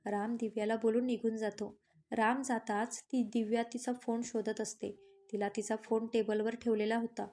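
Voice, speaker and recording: A woman narrating a romantic story in a steady, even reading style. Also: fairly high pitch, normal speed. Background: faint instrumental music.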